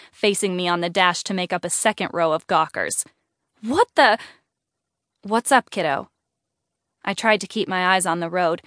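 A woman reads a first-person audiobook in an even, clear way. Her voice sits a little low and the recording is dry and close. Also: no room sound. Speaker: audiobook narrator.

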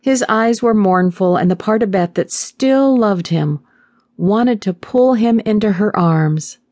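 A woman narrating a contemporary romance audiobook in a measured, expressive storytelling voice. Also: mid-range voice, no room sound, clean studio sound.

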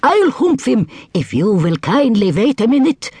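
A man's voice: extremely high pitch, sing-song, a little mellow, slightly rough, no room sound, pitched above the performer's own voice, exaggerated voice. A man voicing a magical male desert djinn who scolds in a stern, knowing way. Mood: wry. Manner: scolding, knowing, drawn-out phrasing.

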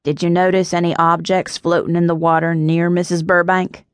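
Woman doing a male police detective, low, formal, clipped, grave, dry audiobook sound. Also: flat delivery, moderate pace, clean tone, no echo, lightly acted. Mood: questioning.

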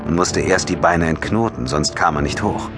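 A man narrating an audiobook in a steady, measured storytelling manner with a husky voice. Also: low voice, over music. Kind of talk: scripted narration.

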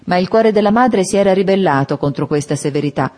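A woman narrating a classic novel in a measured, expressive reading as an audiobook narrator. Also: lowish voice.

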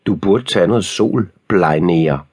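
A man's voice: sits low, darkish tone, husky. A man voicing a cruel, cocky teenage boy bully who mocks and spits insults in an audiobook. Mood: mocking.

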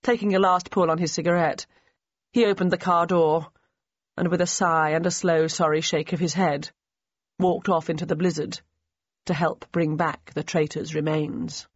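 A woman narrating a novel in a measured, even storytelling manner. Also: deep voice, husky, dry recording. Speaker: audiobook narrator. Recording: slightly muffled dry studio recording.

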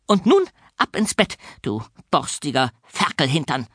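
A man voicing a cruel, shrill old orphanage matron who screeches insults at a boy. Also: big pitch swings, a little slow, a bit bright, slightly rough, no echo, studio quality, exaggerated voice. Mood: shrieking scolding.

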